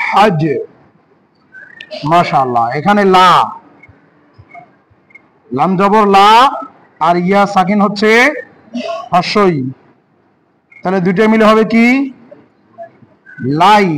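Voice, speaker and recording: Slow, high-voiced man teaching Quran reading. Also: slight background noise, low-quality recording. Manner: patient, spells out syllables and repeats them, asks and answers his own questions. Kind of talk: step-by-step reading lesson.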